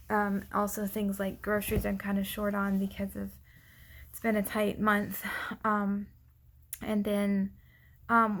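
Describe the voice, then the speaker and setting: A woman speaking out of breath in a casual, unscripted personal update, haltingly and often losing her thread. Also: medium pitch, vocal fry. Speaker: vlogger giving a personal update.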